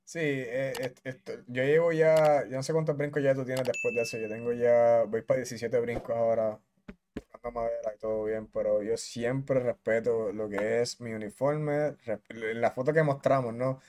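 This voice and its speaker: A male podcast host keeps the interview relaxed. He talks at a middle pitch, cuts in often with short replies, and stops to explain jargon for the audience. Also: moderate pace. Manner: conversational, explains jargon to listeners, frequent affirmations. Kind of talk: casual interview.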